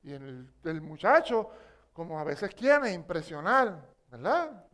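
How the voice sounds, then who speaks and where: A man's voice: a little high, very animated, slow, fairly bright tone. A man with a Puerto Rican accent preaching a sermon, telling a story with call-and-response asides to the congregation. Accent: Puerto Rican Spanish.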